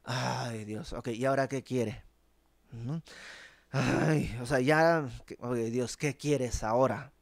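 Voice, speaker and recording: A man's voice: medium pitch, takes it slowly, vocal fry, no room sound. A man voicing a sarcastic, grumbling adult man who mocks with exasperated questions, in a dry recording.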